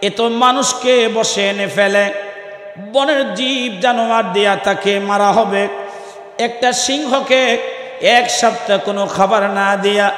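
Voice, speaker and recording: A man preaches a waz sermon in a high, sing-song chant. His bright voice climbs into shouts toward the crowd. Long reverb from a large hall trails every phrase.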